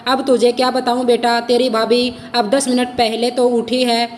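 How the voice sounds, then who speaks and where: A woman's voice: a little high, level tone, normal speed, long reverb tail, slight background noise, close to an everyday voice. A woman voicing a doting but complaining older mother in a storybook reading, with a fussy, grumbling manner. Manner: soothing, then grumbling.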